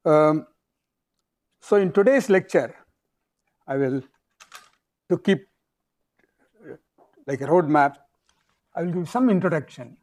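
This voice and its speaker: A man with a South Indian accent speaks as a university lecturer. His voice sits a little high for a man, and he delivers the material in halting phrases, pausing as he goes. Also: animated, a little mellow. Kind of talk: academic lecture.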